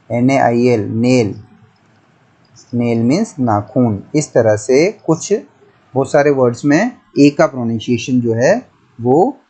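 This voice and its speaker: Slow, methodical man teaching grammar. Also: mid-range voice, warm tone. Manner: slow, methodical, repeats words and spells them letter by letter. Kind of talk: classroom-style lesson explaining pronunciation.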